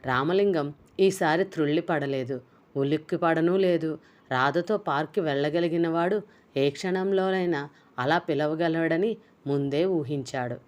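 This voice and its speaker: A woman with a low voice, narrating a novel at an even, steady pace. She reads the story in a plain way. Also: a little slow, lo-fi sound. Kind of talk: novel summary and reading.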